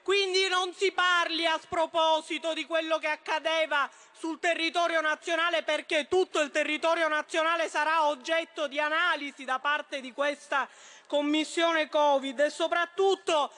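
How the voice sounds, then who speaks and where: A woman's voice: sits high, steady tone, normal speed, sharp tone. A woman from Sicily, a member of parliament, giving an emphatic, combative speech in a parliament chamber. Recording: echoey chamber.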